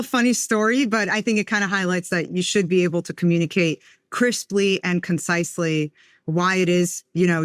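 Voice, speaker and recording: This podcast guest, a U.S. venture capital investor, reflects on the interviewer's questions, peppering her answers with "um" and "you know." The sound is clean studio audio with no room reverb, and her pitch is fairly low.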